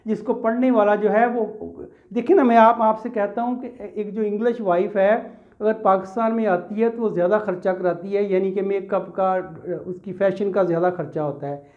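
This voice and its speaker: A man's voice: sits high, muffled recording. A man with a Pakistani accent teaching English grammar in a classroom lecture. He talks patiently, asks questions and answers them himself, calls his students "beta" and mixes English terms into his explanation.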